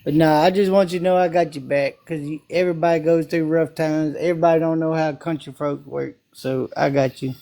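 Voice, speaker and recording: A man's voice: on the high side, steady tone, fairly quick, gravelly, hardly any pauses, warm tone. A man from South Memphis with a Southern accent, chatting casually on a call, laid-back, laughing often and cursing freely. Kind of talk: casual chat.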